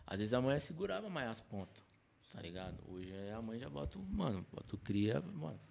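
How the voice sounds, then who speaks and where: Gravelly man from Campinas. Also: medium pitch, a little fast. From Campinas, Brazil. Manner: relaxed slangy storytelling, many fillers and self-corrections. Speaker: podcast guest. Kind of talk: casual storytelling interview. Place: small podcast studio, indoors. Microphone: desk mic on stand.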